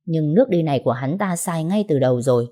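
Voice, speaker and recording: A woman narrates an audiobook in the first person, in speech. Her voice is low-set and mellow, and her delivery stays steady and even. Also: fast.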